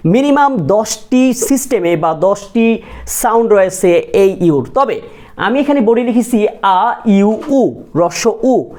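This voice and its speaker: A woman's voice: mid-range voice, lively intonation, slow pace, mellow. A woman with a Bangladeshi accent teaching English pronunciation at a board. She explains step by step, asks questions and answers them herself, mixes English into her Bengali and coughs now and then. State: coughing, clears her throat. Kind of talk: classroom lesson at a board.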